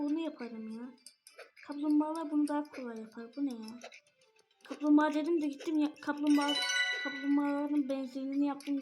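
A high-pitched woman narrating her gameplay live, quick to squeal and cry out at every slip. She sounds nervous and excited and trips over her words now and then. Faint game music hums underneath. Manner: excitable, frequent exclamations and squeals. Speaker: gaming channel host.

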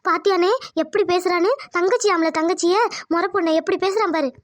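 A woman voicing a scheming, sharp-tongued middle-aged village aunt in a cartoon, with a needling, indignant way of talking. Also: very high-pitched, fairly even intonation, quick pace, dry recording. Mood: grievance. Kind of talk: cartoon dubbing.

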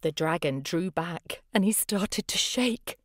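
A woman reading a rhyming children's story aloud in an expressive, dramatic way. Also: lowish voice, takes it slowly. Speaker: storybook reader.

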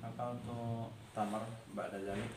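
A man with an Indonesian accent answering as a language student in brief, halting phrases. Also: medium pitch, flat delivery. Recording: echoey room, loud noise.

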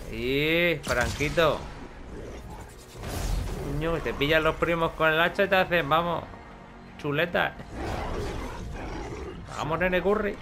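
A man giving chatty, excitable gameplay commentary with casual swearing. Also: fairly high pitch. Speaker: gaming video host.

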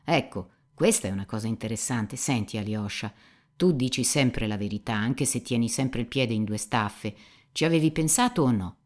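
A woman's voice: a bass voice, expressive, moderate pace, darkish tone. A woman voicing a cynical, gossipy young male seminarian who mocks and insinuates, in an audiobook reading. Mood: probing. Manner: mocking, insinuating, talkative.

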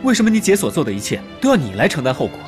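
A man's voice: on the high side, wildly swooping pitch, very fast. An actor playing a caring, level-headed young man in a TV drama, who reasons with others persuasively. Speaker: male lead. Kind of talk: TV drama acting. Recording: drama music underneath.

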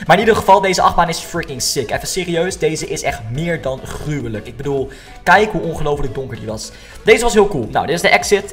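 A young man gives casual gaming commentary at a medium pitch. He is excitable and jokey, addressing viewers directly and mixing in English slang. Faint music plays behind his voice. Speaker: gaming video host. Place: indoor room.

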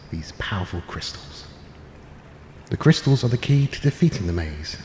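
A man playing a pompous, posh male game show host, presenting in a grand, slow, theatrical way. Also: mid-range voice, darkish tone, close to an everyday voice. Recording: echoey roomy room with faint noise.

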